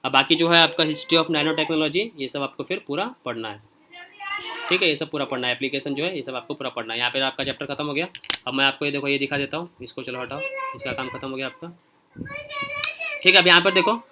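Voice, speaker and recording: A man's voice: mid-range voice, fast, noisy background. A man teaching a class online, talking informally and directly to his students while going through pages and checking in often. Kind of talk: casual screen-share lesson.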